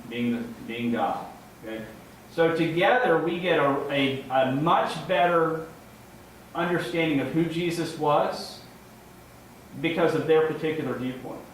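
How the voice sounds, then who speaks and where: Halting man preaching in a very echoey room. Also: medium pitch. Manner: halting, with repeated words and restarts; ends points with checking tags like "right?" and "okay?". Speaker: lay preacher giving a first sermon. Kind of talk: informal, conversational sermon. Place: large echoing indoor room, before a congregation. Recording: very echoey room, distant mic, faint noise.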